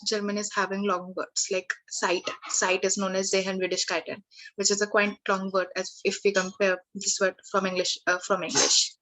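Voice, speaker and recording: Young woman tutor for a live beginner class; halting, restarting speech, mid-range voice. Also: medium pitch, fairly bright tone, low-quality recording. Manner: halting, many restarts and fillers. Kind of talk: live online beginner language lesson.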